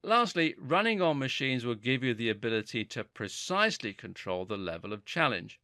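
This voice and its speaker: A man narrates scripted fitness instruction with a bright, forward tone and very animated intonation. He explains each point articulately, and the sound is dry and close, free of room reflections. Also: medium pitch, moderate pace, no room sound.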